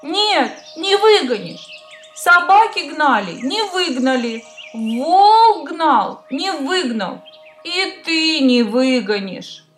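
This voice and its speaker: A woman's voice: high voice, very animated, slow pace, pitched above the performer's own voice, exaggerated voice. A woman voicing a small, tearful male hare who complains plaintively through his crying. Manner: plaintive whining.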